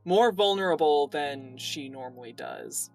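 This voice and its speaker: A woman narrating a tabletop game as game master, in calm, descriptive narration. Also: low voice, unhurried, recorded from a distance, soft background music.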